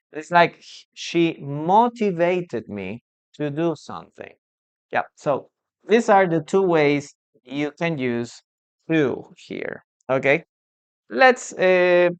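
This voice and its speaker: A teacher from Peru giving a live bilingual English lesson, drilling words slowly and checking in with "okay?" again and again. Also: mid-range voice, clean tone, dull audio. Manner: slow drilled pronunciation with frequent "okay?" checks. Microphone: phone or computer mic for a live stream.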